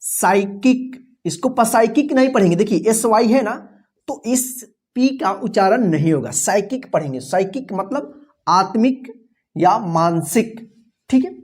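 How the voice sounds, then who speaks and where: A woman teacher gives a classroom-style vocabulary lesson at an unhurried pace. She spells each word out letter by letter, quizzes her learners and patiently repeats each answer. Her pitch swings widely as she stresses the key words. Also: expressive, a little mellow. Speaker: English teacher.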